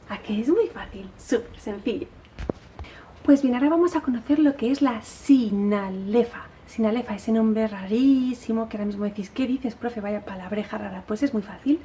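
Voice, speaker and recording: A woman teacher gives a patient, encouraging lesson to her pupils, checking in with "¿vale?" and chanting verses slowly to count their syllables. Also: fairly high pitch, warm tone, slight background noise. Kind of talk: recorded literature lesson for pupils.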